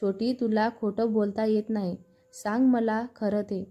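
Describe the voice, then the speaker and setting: A woman's voice: mid-range voice, fairly even intonation, measured pace, mellow, faint music behind, natural voice. A woman voicing a stern, protective elder sister who scolds and lectures her younger sister. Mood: pressing.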